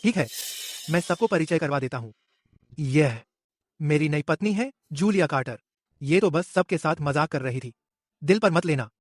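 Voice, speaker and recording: A man voicing a calm young army commander who dotes on his wife in a dubbed drama. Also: fairly high pitch, normal speed, long pauses, no echo. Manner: calm and indulgent. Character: steady young army commander, devoted husband.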